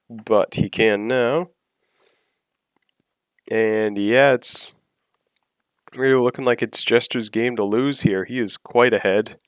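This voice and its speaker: A slightly sick man giving relaxed, analytical play-by-play commentary on a video game battle, often pausing with "so" and "yeah" and clearing his throat. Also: medium pitch, no echo. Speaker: match commentator.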